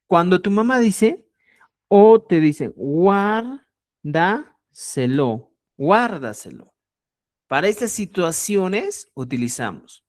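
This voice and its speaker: A man's voice: high voice, lively intonation, unhurried, a little mellow, no room sound, studio quality. A man teaching a language class, explaining patiently and checking often that students follow. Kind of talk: online language lesson.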